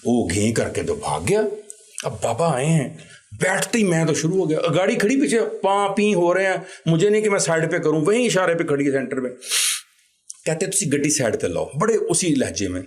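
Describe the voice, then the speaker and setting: A man's voice: fairly high pitch, big pitch swings. Man with a lilt telling a story. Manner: vivid anecdotal retelling, acts out quoted voices. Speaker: interview guest. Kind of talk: conversational storytelling.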